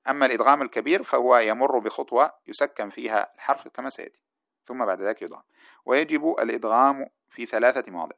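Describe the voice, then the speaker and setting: Male teacher, quick explanatory lecture delivery, muffled old recording. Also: fairly low pitch, gravelly, a bit bright. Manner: brisk, explanatory, reads and comments on the text. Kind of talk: classroom lecture explaining a grammar text. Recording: dull lo-fi recording.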